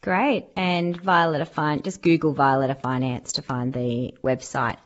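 A woman's voice: deep voice, level tone, a little slow, dull audio, slight background noise. A woman with an Australian accent hosting a radio show, chatty and bubbly as she thanks her guest and listeners. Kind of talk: casual radio chat.

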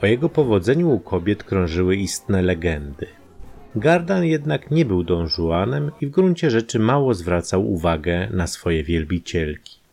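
Deep-voiced male storyteller. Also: gravelly, a little mellow. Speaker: narrator. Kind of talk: scripted narration of a crime story.

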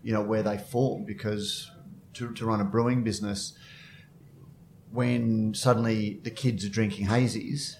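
A man's voice: lowish voice, flat delivery, a little slow, darkish tone, slight background noise. A man in his fifties hosting a podcast, asking chatty, wry questions. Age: 50s. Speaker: podcast host. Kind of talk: casual interview chat.

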